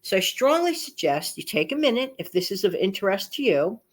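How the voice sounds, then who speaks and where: Hosting her channel's casual, chatty vlog, a woman talks fairly quickly in a mid-range, slightly nasal voice with big swings in pitch. She is emphatic and repeats phrases for effect.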